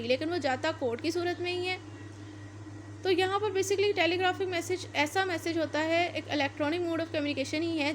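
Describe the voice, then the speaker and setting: In this law lecture, a woman with a Pakistani accent and a high-pitched voice switches between Urdu and English legal terms, going over points again in different words to teach them. A slight hiss or hum is audible.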